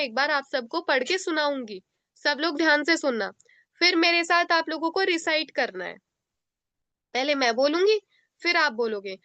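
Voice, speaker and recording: A woman's voice: high-pitched, fairly bright tone, no room sound. Patient Indian woman teaching children online. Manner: slow, patient, explains step by step. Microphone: video call. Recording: dull lo-fi video call audio.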